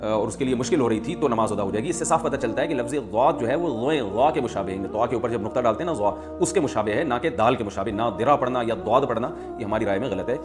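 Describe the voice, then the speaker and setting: A man, an Islamic scholar, calmly explains a point of Quranic pronunciation in a question-and-answer talk, pausing often with fillers. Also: mid-range voice. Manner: explanatory, measured, with many "aa" fillers. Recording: music playing under the voice.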